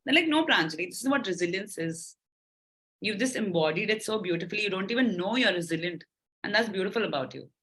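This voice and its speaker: Bright-voiced young woman telling a story animatedly. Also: fast, rough recording. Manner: animated, acts out quoted dialogue with shifting pitch. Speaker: podcast guest. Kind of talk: candid conversational storytelling.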